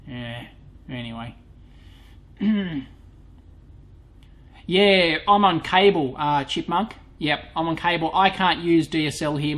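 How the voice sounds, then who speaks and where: A man's voice: a little high, fairly bright tone. A young man with an Australian accent, hosting a live question-and-answer stream and chatting casually, with blunt swearing and a rising lift at the ends of his sentences. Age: young adult. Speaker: electronics vlog host.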